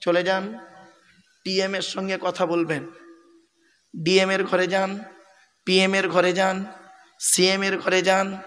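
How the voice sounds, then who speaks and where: A middle-aged man preaches a sermon. His voice sits high for a man. He keeps turning to the listeners with fond calls and quick checks that they follow. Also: a bit bright. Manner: addresses listeners as "bapera", repeats rhetorical checks. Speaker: Islamic preacher.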